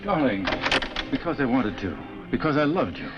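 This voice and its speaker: An actor playing a proud, protective mining lawyer and husband who speaks with impassioned tenderness. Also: male voice, mid-range voice, very animated, moderate pace, close to an everyday voice. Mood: tender. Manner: impassioned, tender toward his wife. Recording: dull 1950s TV soundtrack with music.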